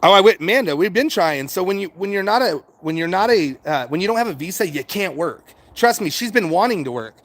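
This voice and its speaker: Here a middle-aged American livestreamer reads viewer comments aloud and responds in loose, repetitive conversation, dropping the occasional swear word. He speaks a little fast with few pauses, in a high, animated and slightly bright voice.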